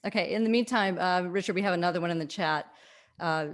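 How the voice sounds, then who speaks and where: A woman with a slightly low voice moderates a live online Q&A over a video call. She reads audience questions from the chat in a friendly way and keeps the conversation moving. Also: fast talker. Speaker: event host and moderator.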